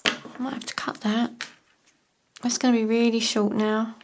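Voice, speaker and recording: A crafting vlogger talks casually to herself while she works, often half-whispering and chuckling in a self-mocking way. Her voice sits on the high side with a level tone and moderate pace, and background noise can be heard.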